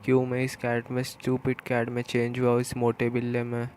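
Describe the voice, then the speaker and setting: A man's voice: medium pitch, monotone, moderate pace, a little hiss or hum, close to an everyday voice. A man voicing a proud, arrogant male figure stuck in a fat cat body, who barks orders and threatens. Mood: dismayed. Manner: bossy, threatening, shouts orders.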